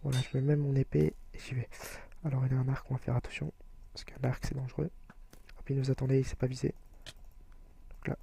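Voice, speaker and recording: A man's voice: mid-range voice, little pitch movement, fairly quick, vocal fry, pauses often, dark tone. A young man giving casual gameplay commentary, explaining step by step with frequent hesitation fillers. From France. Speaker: gaming video creator.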